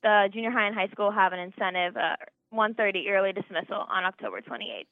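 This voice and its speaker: A woman's voice: mid-range voice, fairly even intonation, a little fast, gravelly, no echo, narrow, tinny audio. A teenage girl, a student guest on a radio interview, earnestly explaining an event and linking her points with "and so". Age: teens.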